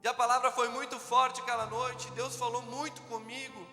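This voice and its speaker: A very high-voiced, bright-toned man preaches his testimony to a youth crowd. He tells the story vividly and slows into measured phrasing for prayers. His voice rings through a large echoey hall with a long tail, and soft music plays underneath. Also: little pitch movement. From southern Brazil. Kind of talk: testimony sermon at a youth event.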